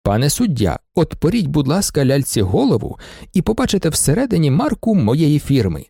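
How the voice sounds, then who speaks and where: A man reading aloud and voicing a calm, decisive middle-aged merchant. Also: fairly high pitch, a little fast, vocal fry, slightly rough, dry recording, studio quality, exaggerated voice. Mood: firm. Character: calm, firm male shopkeeper, middle-aged.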